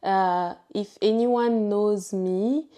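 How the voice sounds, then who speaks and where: A young woman from Ivory Coast, a native French speaker with an Ivorian accent, telling her personal story casually as a vlogger, chatty and unhurried with emphatic asides. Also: mid-range voice, fairly even intonation, dark tone, clean tone. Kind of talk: casual personal testimony to camera.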